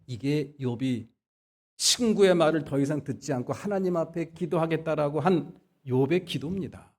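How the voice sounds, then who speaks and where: A man preaching a Sunday sermon as pastor. He moves between quiet asides and loud, emphatic exhortation. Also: a little high, moderate pace. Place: church sanctuary.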